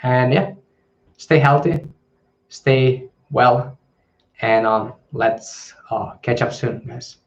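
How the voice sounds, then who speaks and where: A man's voice: mid-range voice, takes it slowly, gravelly. A man hosting a live question-and-answer stream, answering in a hesitant way with many ums and restarts. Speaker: channel host. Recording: dull lo-fi livestream audio.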